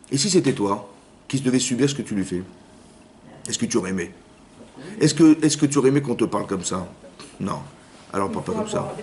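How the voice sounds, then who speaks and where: A man, a rabbi, giving a Torah lesson in a lively way, acting out little inner dialogues and often checking that his listeners have understood. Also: medium pitch. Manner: lively, acts out inner voices, keeps asking "vous avez compris?". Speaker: rabbi teaching a class.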